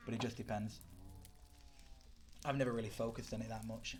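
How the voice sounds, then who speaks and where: Young British streamer, low-pitched, rambling casual chat with viewers. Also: male voice, little pitch movement, fairly quick, noisy background. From Britain. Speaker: livestreamer. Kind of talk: casual chat while gaming live.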